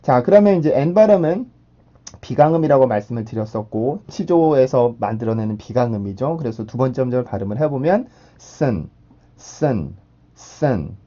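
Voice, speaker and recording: A man giving an online pronunciation lesson, his pitch rising and falling a lot as he explains. His voice is dark and mellow, and the recording sounds a little dull and lo-fi. He walks through each sound step by step and repeats it several times as a model. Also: lively intonation, brisk. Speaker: English pronunciation teacher.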